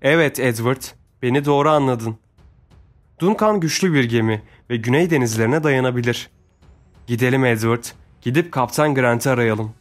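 A man's voice: mid-range voice, normal speed, soft background music, natural voice. Helena, a man voicing an earnest noble lady. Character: kind, determined noble lady.

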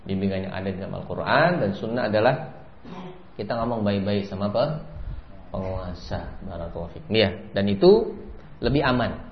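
A man's voice: on the low side, moderate pace, long pauses, slight background noise. A man giving a sermon lecture, repeating a set phrase often and rising sharply for emphasis. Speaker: Islamic preacher. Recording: echoey, dull lo-fi lecture recording.

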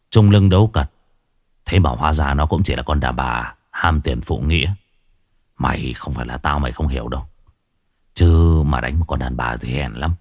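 A man voicing a cold, scheming gang boss who speaks calmly and deliberately. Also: dry recording, studio quality. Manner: calm, low, measured.

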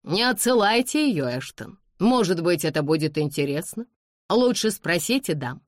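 A woman's voice: lowish voice, very animated, moderate pace, no echo, clean studio sound. A woman voicing a middle-aged male colonel who speaks eagerly and persuasively in an audiobook.

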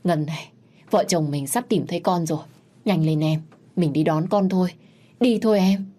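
A woman's voice: on the low side, moderate pace, dark tone, natural voice. Anxious young father, read by a woman. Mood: excited. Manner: urgent, pleading.

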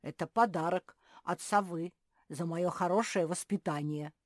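A woman's voice: medium pitch, expressive, unhurried, darkish tone, no room sound, clean studio sound, lightly acted. A woman voicing a cheeky, boastful little boy bear cub, whining and easily muddled, in a storybook reading. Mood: indignant.

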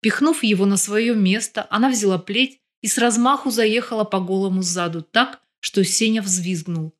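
Woman reading a crime novel audiobook, even storyteller voice, mid pitch. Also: normal speed. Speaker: audiobook narrator.

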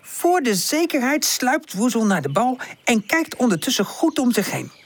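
Expressive woman reading a children's audiobook. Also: on the high side, moderate pace. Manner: expressive storytelling. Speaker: audiobook narrator.

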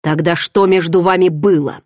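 A woman's voice: lowish voice, fairly even intonation, normal speed, darkish tone, no echo, studio quality, natural voice. A woman voicing a brooding, commanding young man in an audiobook, speaking curtly and demandingly. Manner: curt and demanding.

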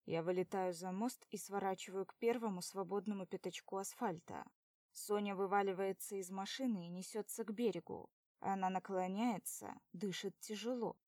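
A woman narrating an audiobook in a steady storytelling manner. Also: mid-range voice, moderate pace, dry recording, clean studio sound.

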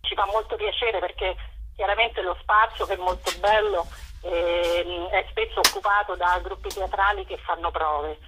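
This radio interview guest speaks at a fairly low pitch and normal speed with fairly even intonation, against a noisy background. Calling in by phone on a muffled, lo-fi line, she casually introduces a programme as its organiser.

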